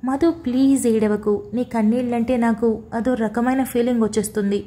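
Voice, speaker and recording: A woman's voice: on the high side, steady tone, a little fast, dark tone, natural voice. A woman voicing a young husband who coaxes and teases his wife in an audiobook story, in a playful manner. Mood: coaxing. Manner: coaxing, playful. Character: young husband, teasing and soothing. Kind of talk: audiobook character voice.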